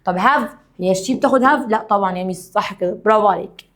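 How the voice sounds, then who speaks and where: An Egyptian woman teaching a classroom grammar lesson in a voice of middling pitch for a woman. She explains at a brisk clip, then slows right down to read each English example word by word. Her Egyptian Arabic accent runs through the whole lesson.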